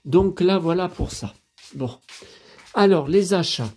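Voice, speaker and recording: A man's voice: sits high, expressive, slow, darkish tone, slightly rough. A man from the Lyon area talking in a casual vlog, rambling and chatty as he shows his purchases, with bursts of exasperated complaint. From Lyon area, France. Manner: rambling, chatty, many fillers and tag questions. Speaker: vlogger.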